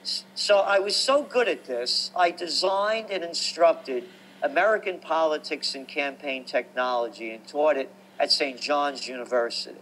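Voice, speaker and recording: A man, telling stories about his life as a guest in an animated, emphatic way. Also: a little high, normal speed, slight background noise, low-quality recording. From New York. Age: 60s. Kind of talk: conversational storytelling.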